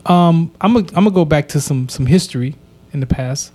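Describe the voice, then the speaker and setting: A man's voice: on the high side, expressive, fairly quick, a little mellow. A man hosting a casual podcast conversation, reflective and often repeating words as he restarts his sentences. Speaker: podcast host.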